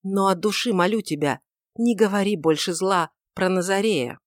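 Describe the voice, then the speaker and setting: A woman's voice: medium pitch, moderate pace, dry recording, close to an everyday voice. A woman voicing a troubled, passionate male outlaw who speaks in a brooding, pleading way, on a dry recording. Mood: grieving pleading.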